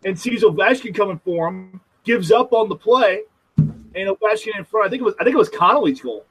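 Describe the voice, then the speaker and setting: A man's voice: high voice, lively intonation, fairly quick, a bit bright, husky, low-quality recording. A man co-hosting a casual hockey podcast, wry and opinionated as he breaks down plays. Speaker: podcast co-host. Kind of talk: casual sports chat.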